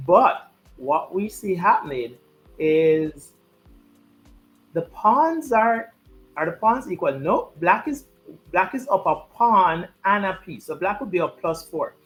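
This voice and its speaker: A man's voice: sits high, big pitch swings, slow pace, fairly bright tone, poor audio. A man giving live chess commentary and chatting, repeating his key points for emphasis.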